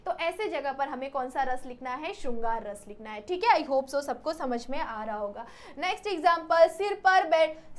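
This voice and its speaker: High-voiced woman teaching a lesson. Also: fairly bright tone. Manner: explains by asking and answering her own questions; repeats "ठीक है" often, mixes English words in. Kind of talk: exam-prep grammar lesson.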